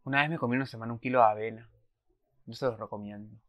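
A man's voice: mid-range voice, fairly even intonation, very fast, no room sound. A man in his twenties with an Argentine accent gives casual reaction commentary, reading subtitles aloud and exclaiming in between. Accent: Argentine Spanish. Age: 20s. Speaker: reaction video host.

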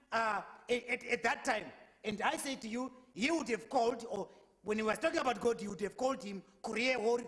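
In a lecture hall, a young adult preacher takes part in a public debate from a lectern microphone set before a brick wall. His voice is extremely high and a bit bright, and he earnestly recites long scripture passages, repeating words whenever he starts over.

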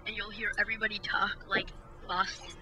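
Young male co-host from Newfoundland, sharp bright tone, laughs easily, light background noise. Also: sits high, little pitch movement, a little fast, low-quality recording. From Newfoundland, Canada. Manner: laughing, playful, defensive. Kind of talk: casual chat.

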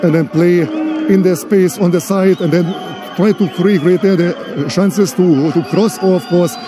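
Man, forties, football coach, halting restarts, handheld mic, outdoor stadium, crowd noise. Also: high voice, steady tone. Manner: halting, restarts often, explains tactics. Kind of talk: post-match interview. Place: outdoors at a stadium, in front of a sponsor board. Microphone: handheld interviewer mic. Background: music and crowd noise.

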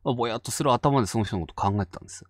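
A man from Fukushima hosting and narrating a spoken ghost story, dropping to hushed tones for tension. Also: mid-range voice, rapid-fire, no room sound, studio quality. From Fukushima Prefecture, Japan. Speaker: ghost story teller and host.

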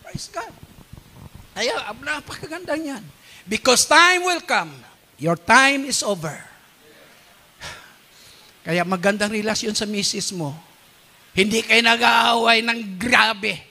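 A male pastor with a Filipino accent preaching a humorous, animated sermon and mixing in English phrases. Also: very high-pitched, slow, vocal fry, long pauses. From Philippines.

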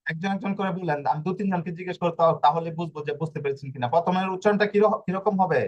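Guy with a high voice teaching an online class, patient, asks then answers his own questions, muffled call audio. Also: rapid-fire, darkish tone. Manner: patient step-by-step explaining with rhetorical questions. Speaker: language teacher. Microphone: video call.

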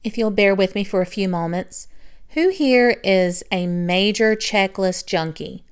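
Woman doing a cozy vlog voiceover, smooth clear voice, talks soft and easy like she's confiding. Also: medium pitch, unhurried. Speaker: vlogger. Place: home, recorded as a voiceover.

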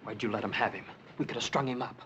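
An actor playing a hot-headed, vengeful young cowhand in a TV western, blunt in manner. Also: male voice, mid-range voice, quick pace, close to an everyday voice. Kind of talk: TV western drama acting. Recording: dull, noisy old soundtrack.

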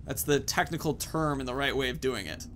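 A gaming video host in his thirties rambles casually through a video game playthrough, informal and mildly swearing. His voice is medium in pitch, a little fast and a bit bright, with slight background noise.

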